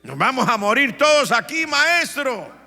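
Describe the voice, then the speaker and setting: A man's voice: very high-pitched, sing-song, a little slow, gravelly, sharp tone, pitched above the performer's own voice, heavily acted. A man voicing frightened disciples pleading urgently with their master, in a reverberant church hall. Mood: panicked. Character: panicked fishermen disciples, adult men.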